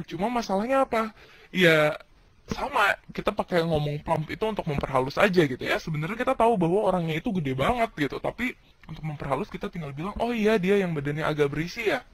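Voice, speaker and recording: A man's voice: high voice, a bit bright. A man from Indonesia teaching English vocabulary in a casual video lesson, chatty and slangy, asking questions and answering them himself.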